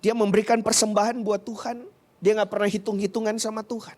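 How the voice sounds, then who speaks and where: A man's voice: high-pitched, level tone, fairly quick, a little mellow. A male pastor preaching a sermon, telling a personal story in an earnest, emotional way and often addressing the congregation directly.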